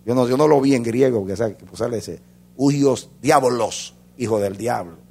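A man preaching a sermon as a pastor, swinging between loud fervor and hushed intensity. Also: mid-range voice, fast, gravelly, breathy edge.

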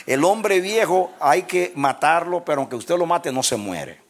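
A man preaches a sermon in a voice pitched a little above most men's. He swings between loud, emphatic bursts and quiet, hushed stretches. He chuckles at his own jokes. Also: animated, a little slow. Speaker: pastor.

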